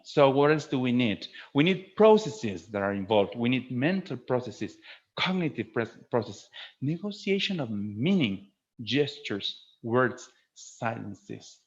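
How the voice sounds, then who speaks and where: Presenting a webinar to fellow teachers, a man speaks unhurriedly at medium pitch with big swings in intonation. His style is didactic: he stresses key words and often checks in with a short questioning tag. The online audio sounds dull and lo-fi.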